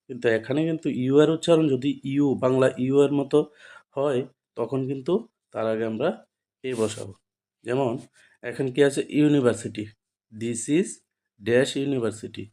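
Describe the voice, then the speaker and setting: A man's voice: medium pitch, dark tone. A man with a Bengali accent teaching an English grammar lesson. He repeats each rule and keeps asking questions to check that students follow. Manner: repetitive, checks understanding with frequent rhetorical questions. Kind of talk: classroom-style grammar lesson.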